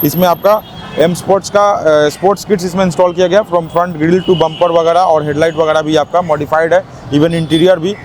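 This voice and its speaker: High-pitched eager teleshopping-style car salesman. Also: steady tone, brisk, darkish tone. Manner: eager teleshopping-style selling, emphatically repeating prices. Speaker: used-car dealer presenting stock. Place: outdoors at a car lot. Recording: noisy outdoor car-lot sound.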